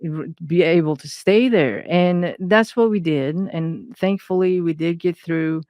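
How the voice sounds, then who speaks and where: A woman's voice: fairly low pitch, a little slow, darkish tone, no echo. A woman from Iran, a consultant giving an interview, talks hesitantly with many fillers and restarts. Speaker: guest, intuitive consultant. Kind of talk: personal interview talk.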